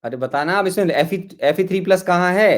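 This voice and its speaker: A middle-aged Indian man with a high voice lectures an online chemistry class. He scolds students over their chat questions with exasperation, repeating the same reproaches again and again. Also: brisk.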